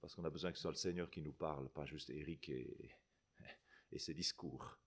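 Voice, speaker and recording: With a very deep, breathy-edged voice at a moderate pace, a middle-aged guest preacher from Belgium gives a sermon. He has a Belgian French accent and a chatty style, often restarting sentences and tagging them with questions for the congregation.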